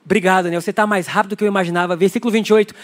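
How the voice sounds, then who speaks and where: High-voiced Brazilian pastor preaching. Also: male voice, steady tone, racing. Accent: Brazilian Portuguese. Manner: conversational, asking the congregation questions. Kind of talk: sermon.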